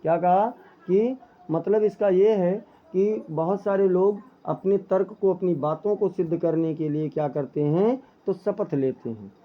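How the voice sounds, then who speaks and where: A man's voice: high-pitched, unhurried, narrow, tinny audio. A male teacher giving an exam-prep lesson who asks questions and answers them himself, speaking to his students as children. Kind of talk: exam-prep lesson explaining Hindi texts.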